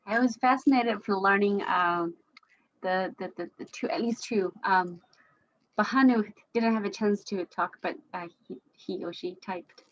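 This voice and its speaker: A Chinese-native woman hosts a casual panel discussion on a video call, speaking English with frequent laughs, fillers and restarts that make her sound hesitant. Her pitch is medium and her pace measured. The audio sounds dull.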